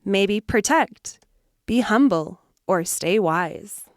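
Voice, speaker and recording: A woman tells a children's campfire story in a slow, soothing voice, dropping to whispers and leading call-and-response. Her voice sits at a middle pitch. The recording is dry and close. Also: animated, no room sound.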